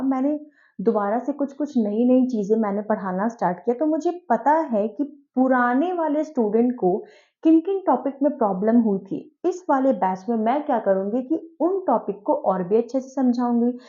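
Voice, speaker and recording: A woman's voice: fairly high pitch, warm tone, highs cut off. A woman teacher giving an online exam-prep lecture, explaining step by step and asking herself rhetorical questions.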